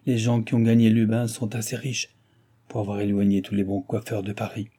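A man's voice: lowish voice, little pitch movement, a little fast, mellow, lightly acted. A man reading aloud as a despairing royal favourite, a countess, in plaintive tones. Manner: plaintive, sighing.

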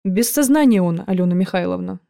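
A woman reader voicing a cheeky young man who speaks in hushed urgency and wheedles when he flatters. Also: on the low side, a little fast, creaky, no echo, studio quality. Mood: urgent. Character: young male orderly, cheeky and quick.

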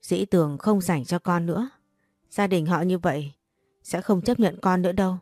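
A stern middle-aged father who scolds his daughter, read by a woman in her own lowish voice. Close, dry recording with faint music. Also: normal speed, a little mellow, dry recording, lightly acted. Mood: grave.

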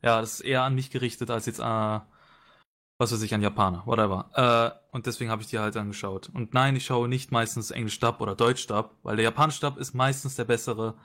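Man, very fast talk, heated, blunt, lots of swearing, podcast argument. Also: medium pitch, steady tone, fairly bright tone. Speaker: podcast participant. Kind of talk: casual debate chat.

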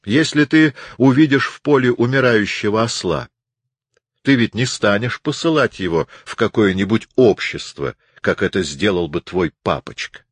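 A man's voice: fairly low pitch, expressive, normal speed, no room sound, voice pushed up. A man voicing a self-assured young man in an audiobook, insistent and lecturing. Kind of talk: audiobook reading.

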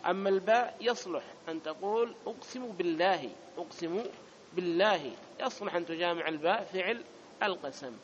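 In a brisk, high voice, this male teacher runs an Arabic grammar lesson, repeating every point and regularly checking that the class understands. The recording has its highs cut off and carries a little hiss or hum.

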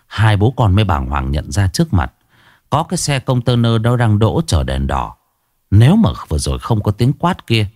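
A male storyteller reads a ghost story with dramatic expression. His voice sits fairly low, with a lively rise and fall. The recording is dry and close. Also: dry recording.

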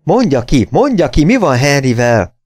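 A man's voice: mid-range voice, expressive, a little mellow, clear, resonant tone, dry recording, studio quality, pitched above the performer's own voice, close to an everyday voice. A man voicing a resolute, anguished young woman in an audiobook, speaking insistently. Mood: pleading. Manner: pleading, insistent.

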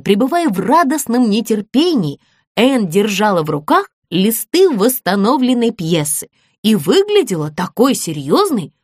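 A woman narrating a children's audiobook, expressive and animated. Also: a little high, no room sound, clean studio sound.

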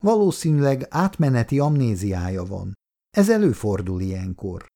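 A man reading an audiobook, voicing a calm, reassuring young female hospital nurse who asks gentle questions. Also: medium pitch.

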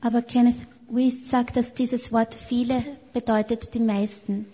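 Woman interpreter, higher voice, mellow and husky, long hall echo. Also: flat delivery, a little slow. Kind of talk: live sermon interpretation. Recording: echoey hall, dull sound.

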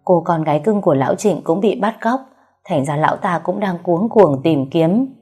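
A woman narrating a story in a steady, even manner. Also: lowish voice, normal speed, husky, faint music behind.

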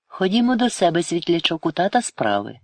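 A man's voice: sits high, sing-song, fairly quick, dry recording, clean studio sound, pitched above the performer's own voice, exaggerated voice. A man putting on a worried young mother. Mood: anxious. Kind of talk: audiobook character voice.

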